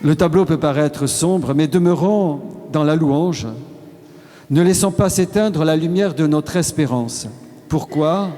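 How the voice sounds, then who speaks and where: A man preaching a sermon, slow and measured, pausing between short solemn phrases. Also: on the high side. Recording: long reverb with soft music behind.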